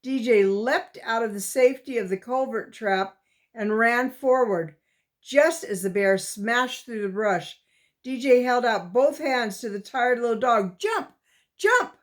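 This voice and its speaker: A woman reading a chapter book aloud as storyteller, in a slow and steady way. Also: on the high side.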